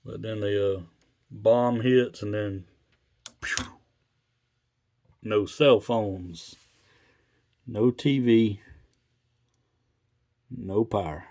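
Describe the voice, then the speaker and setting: A man talking casually and haltingly as a radio hobbyist, in a laid-back, folksy, rambling way. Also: lowish voice, vocal fry, a little mellow. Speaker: radio hobbyist video maker.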